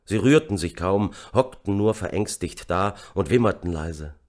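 A man narrating an audiobook in a measured, somber reading. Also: low voice, lively intonation, a little mellow. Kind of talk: scripted narration.

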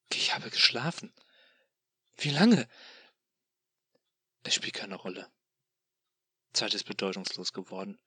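A man giving a dramatic first-person audiobook narration in a hushed, despairing, intense way. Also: on the low side, no room sound.

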